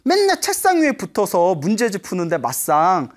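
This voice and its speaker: A woman's voice: medium pitch, wildly swooping pitch, normal speed. A woman preacher telling a Buddhist story to a live audience, often checking in with them and laughing as she goes. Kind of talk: lively storytelling sermon.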